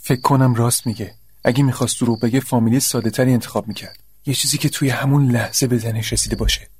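Man playing a calm, steady student leader. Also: medium pitch, breathy edge, lightly acted. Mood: urging. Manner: steady, commanding. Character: calm level-headed young male student leader.

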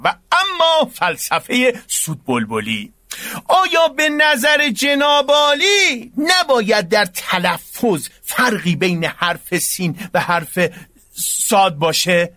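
An actor playing a naive, earnest young man in a comic radio drama, defending his muddled ideas with drawn-out emphasis. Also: sits high, very animated, sharp tone, no echo, full character voice. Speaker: naive worshipper with odd ideas.

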